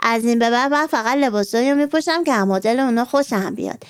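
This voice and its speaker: Brief: eager little schoolgirl in a children's storybook, high and bright, as a woman narrator puts her on. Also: clear, resonant tone, no echo, close to an everyday voice. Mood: earnest. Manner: excited, pleading. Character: lively young schoolgirl, eager to follow fashion.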